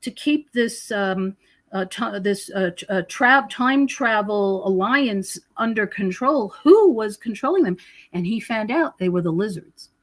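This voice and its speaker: On a podcast, a woman from the United States who investigates prophecy and UFOs explains her views with conversational emphasis. She uses a mid-range voice with lively intonation and takes her time a little.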